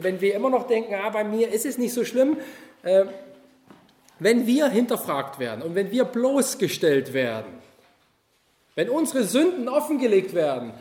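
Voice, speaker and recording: Man, high voice, preaching, animated, rhetorical questions, roomy echo. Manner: animated, swings between loud emphasis and quiet asides; addresses listeners directly with rhetorical questions. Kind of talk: sermon at a youth Easter retreat.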